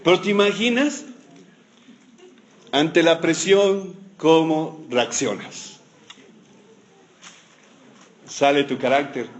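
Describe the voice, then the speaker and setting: Male preacher, sermon, playful teasing asides, high voice. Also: takes it slowly, long pauses, lo-fi sound.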